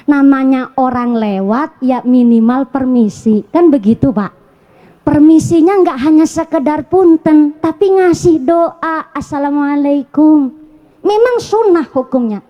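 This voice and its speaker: A woman's voice: high voice, animated, unhurried, highs cut off. A woman preacher with a Banyumasan Javanese accent giving a humorous sermon, telling stories and putting rhetorical questions to her audience.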